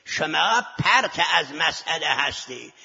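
A man's voice: fairly high pitch, lively intonation, vocal fry, bright, forceful tone, slightly rough. A man teaching seminary students in a scholarly lecture, arguing his point and posing rhetorical questions to the class. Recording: lo-fi recording with long hall reverb.

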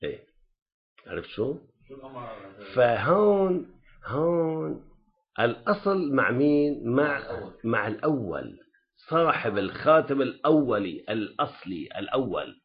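A man's voice: mid-range voice, sing-song, measured pace, highs cut off. A man with a Lebanese Arabic accent teaching religious law in a classroom lecture, often checking that his students follow.

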